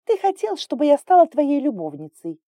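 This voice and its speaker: A woman reading an audiobook, voicing a quick-tempered young woman who snaps back in sharp, shouted retorts. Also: high voice, wildly swooping pitch, no room sound, clean studio sound, pitched above the performer's own voice. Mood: angry.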